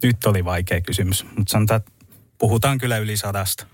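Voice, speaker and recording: Calm, lowish-voiced male guest. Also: dry recording, faint music behind. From Finland. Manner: calm, matter-of-fact. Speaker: studio guest, home brewer. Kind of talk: radio interview answers. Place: radio studio.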